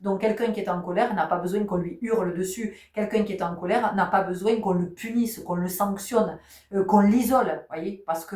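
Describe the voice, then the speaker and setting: A woman's voice: medium pitch, darkish tone, far from the mic. Emphatic woman teaching in a roomy space. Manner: emphatic, repeats key words, many rhetorical questions; says she is not giving medical advice. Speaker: spiritual channel host. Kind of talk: spiritual teaching talk to an audience. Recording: roomy sound, voice set back from the mic.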